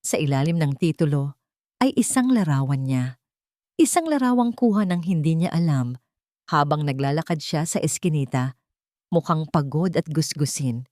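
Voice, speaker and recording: A woman with a low, darkish voice narrates a scripted, dramatic story. The recording is dry and studio quality.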